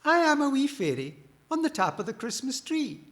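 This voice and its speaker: A man's voice: very high-pitched, very animated, moderate pace, fairly bright tone, full character voice. A man voicing a cheeky, grumbling female fairy stuck on a Christmas tree, with a Scottish accent and a bawdy comic complaining manner.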